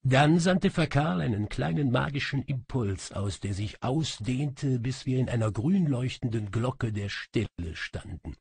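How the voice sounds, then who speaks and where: Husky-voiced male audiobook narrator. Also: medium pitch, dry recording. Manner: wry, animated storytelling. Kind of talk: first-person fantasy audiobook narration.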